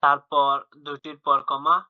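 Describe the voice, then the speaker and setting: A man's voice: on the high side, completely flat delivery, unhurried, no room sound. A man teaching young children a maths lesson, explaining patiently and repeating himself, with fillers and restarts. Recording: dull lo-fi home recording.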